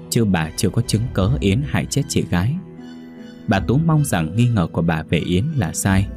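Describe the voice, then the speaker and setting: A man narrating a ghost story in a calm, measured way. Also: deep voice. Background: faint music.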